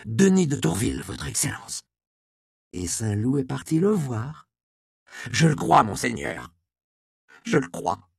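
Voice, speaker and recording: A frightened old monk who begs and frets in a raised, strained voice, as a male narrator puts him on. The voice sits well above the reader's own, and it is a touch louder too. Its gravelly edge remains, recorded close and dry. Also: mid-range voice, sing-song, unhurried, long pauses, no room sound, voice pushed up, exaggerated voice. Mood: pleading. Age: older. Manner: anxious, pleading.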